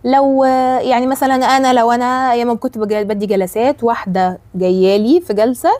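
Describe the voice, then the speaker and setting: Egyptian female life coach, casual monologue, rapid delivery, warm low tone, acts out quotes. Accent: Egyptian Arabic. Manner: animated, acts out quoted voices, frequent restarts. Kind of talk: casual advice monologue to camera.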